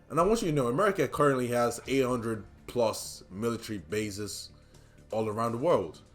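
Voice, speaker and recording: A male host delivers solo commentary in an emphatic way and repeats his key points for stress. He drops casual asides to the listener between them. Faint music plays underneath his voice. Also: medium pitch. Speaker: podcast host.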